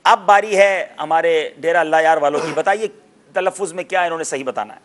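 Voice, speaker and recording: A man hosting a TV quiz show, lively and loud when he announces correct answers, explaining pronunciation like a teacher. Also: on the high side, a little hiss or hum.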